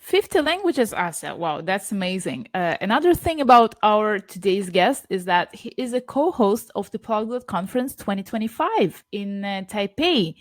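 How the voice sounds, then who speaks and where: A woman's voice: medium pitch, big pitch swings, moderate pace, hardly any pauses, dry recording, studio quality. A woman co-hosting a podcast interview, speaking hesitantly with many fillers. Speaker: podcast co-host.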